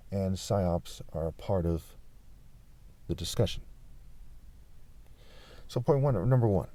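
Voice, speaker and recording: A man from California talking insistently in an unscripted vlog monologue, pausing often with fillers. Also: sits low, warm tone. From California, USA. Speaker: vlogger.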